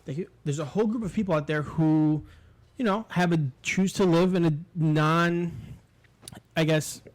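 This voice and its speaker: In a casual podcast chat, this co-host from New York, whose first language is English, rambles opinionatedly, swearing and restarting sentences. His slightly high voice moves at normal speed with fairly even intonation.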